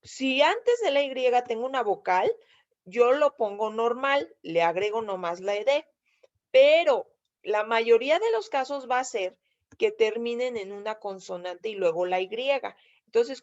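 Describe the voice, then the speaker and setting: A Mexican woman teaches in a slightly raised voice, laying out each rule step by step. She keeps pausing to check that her listeners follow. The audio is a bit dull and lo-fi. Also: a little high, expressive, darkish tone. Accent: Mexican Spanish. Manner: patient step-by-step explaining, checks understanding with frequent "¿sí?". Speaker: English teacher. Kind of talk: video lesson explaining grammar.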